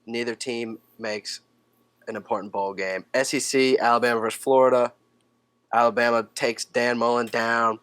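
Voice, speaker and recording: Young dude cohosting sports talk, teasing, argues every pick. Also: male voice, medium pitch, fairly even intonation, normal speed, a bit bright, smooth, no echo. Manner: teasing, argumentative. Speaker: podcast co-host. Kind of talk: casual sports chat.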